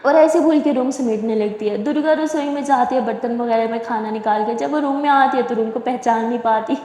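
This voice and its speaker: High-voiced woman narrating in a roomy echo. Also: brisk, dark tone. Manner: conversational, describing actions plainly. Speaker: storyteller. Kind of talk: casual story narration. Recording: echoey room with long reverb.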